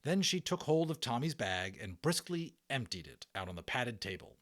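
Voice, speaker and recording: An amateur voice actor narrates a children's audiobook in an expressive, dramatic storytelling style. His voice is medium in pitch, and he keeps a normal pace.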